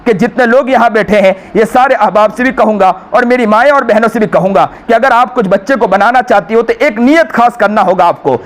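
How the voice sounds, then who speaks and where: A man's voice: high voice, hardly any pauses. A man with an Indian Urdu accent, preaching earnestly to women and pleading with them. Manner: earnest, pleading, repeats phrases. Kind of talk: religious talk to women.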